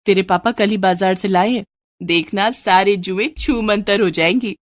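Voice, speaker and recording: A woman voicing a gentle, caring mother who talks in a soothing, reassuring way in a storybook. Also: medium pitch, normal speed, no room sound, clean studio sound, natural voice. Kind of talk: storybook voice acting.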